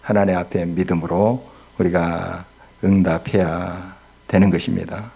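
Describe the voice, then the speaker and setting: Male pastor, sermon at a prayer meeting: low, husky, gravelly tone, earnest, builds to loud emphasis. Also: flat delivery, unhurried. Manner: earnest preaching that swells loud on key words, with rhetorical questions. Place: church.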